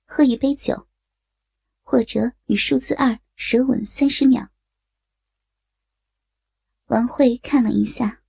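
A woman narrating a story in a steady way. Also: on the high side, creaky, slightly rough, dry recording. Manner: steady narration, voicing characters. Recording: dry close voice with faint music.

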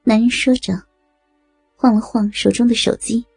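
A woman narrating an erotic audio story in a slow, breathy storytelling manner. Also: a little high, steady tone, darkish tone, no room sound, soft background music.

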